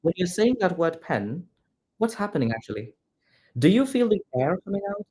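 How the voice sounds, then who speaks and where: Here the Malayalam-speaking Indian teacher sounds high-pitched and a little mellow, with a husky quality and big pitch swings at a moderate pace. His neutralized Indian English comes through as he drills pronunciation, direct and repetitive, calling students "guys."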